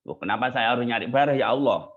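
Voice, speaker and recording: A man's voice: medium pitch, expressive, quick pace, close to an everyday voice. A man voicing a male prophet who asks puzzled, pleading questions. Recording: tinny phone-like line.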